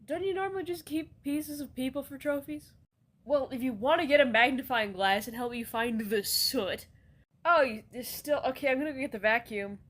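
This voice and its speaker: A woman acting out comedy sketches, swearing casually and bantering in a deadpan way. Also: high voice, moderate pace. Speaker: sketch comedy creator playing all roles.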